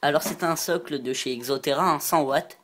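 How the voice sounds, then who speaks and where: A man's voice: a little high, brisk, fairly bright tone, slight background noise. A male vlogger talking through a casual show-and-tell, chatty and loose. He rambles from item to item, breaks into giggles and freely admits he is not sure of the details. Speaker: reptile-keeping video maker.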